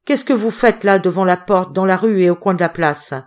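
A woman voicing a panicked older village mayor who shouts and pleads. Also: medium pitch, expressive, moderate pace, natural voice. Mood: shouting.

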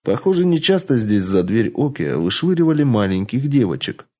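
Dramatic male audiobook narrator, mellow tone. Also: mid-range voice, moderate pace, breathy edge. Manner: expressive, dramatic storytelling.

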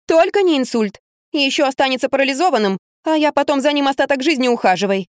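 A woman voicing an excitable young wife who plays the fool, exclaiming and indignant. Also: high voice, fast talker, dry recording, studio quality, voice pushed up. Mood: agitated.

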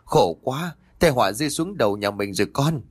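A man's voice: mid-range voice, expressive, a little fast, breathy edge, no room sound. A man voicing a fretful elderly grandmother who speaks tearfully and pleadingly.

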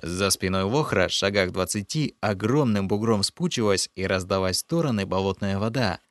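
A man narrating an audiobook in the first person, with steady storytelling. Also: lowish voice, moderate pace, no echo, studio quality.

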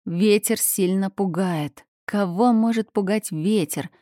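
A woman's voice: mid-range voice, slow, mellow, no echo, studio quality, close to an everyday voice. A woman voicing an anxious young prince. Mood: urgent. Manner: urgent, pleading.

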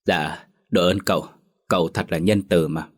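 A man's voice: sits low, steady tone, moderate pace. A man voicing a poor middle-aged gambler who speaks humbly and politely. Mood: pleading.

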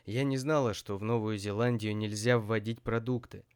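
A man's voice: fairly low pitch, fairly even intonation, normal speed, darkish tone, clear, resonant tone, lightly acted. A man voicing an anxious older mother who pleads with and soothes her son in an audiobook.

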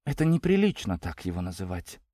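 A man doing a hushed, tearful young girl. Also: low-pitched, sing-song, brisk, dry recording, studio quality, voice pushed down. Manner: soft, hushed, near tears. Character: timid, tearful young woman Valentina. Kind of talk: audiobook character voice.

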